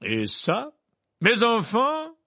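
A good-natured fatherly man, as a man reading the story puts him on, lecturing slowly and emphatically. His voice rises high on key words, with a husky, gravelly grain. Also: huge pitch swings, bright, forceful tone, no echo, clean studio sound, exaggerated voice. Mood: wry.

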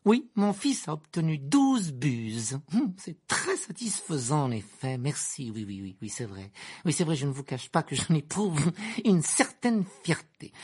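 Confused ministry wizard, man, broken rambling speech, husky, lively pitch, storybook reading. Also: normal speed. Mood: dazed, formal. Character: deranged middle-aged male ministry wizard, rambling and lost. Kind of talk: audiobook character reading.

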